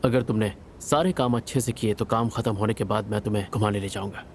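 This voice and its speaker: An actor dubbing a calm man who reassures others, in a dubbed drama. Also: lowish voice, fast talker, a little hiss or hum, close to an everyday voice. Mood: reassuring. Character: calm man, kennel owner and reassuring boss. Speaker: dub actor.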